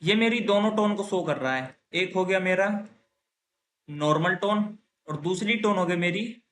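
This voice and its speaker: A man teaching English grammar in a classroom lecture. He explains step by step, often asks and answers his own questions, and says example sentences louder and slowly. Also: high-pitched.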